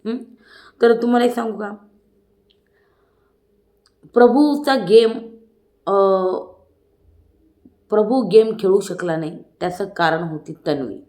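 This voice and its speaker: A woman's voice: medium pitch, slow pace, long pauses, mellow. A woman giving a casual, chatty review of a reality show episode, tossing in tag questions. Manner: chatty, acts out quotes, frequent tag questions. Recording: echoey room.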